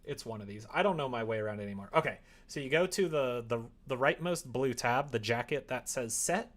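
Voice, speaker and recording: On his livestream, a man with a medium-pitched voice, lively intonation and a fairly quick pace rambles casually, reasoning aloud through a tutorial as he works. Background noise and keyboard typing are plainly audible.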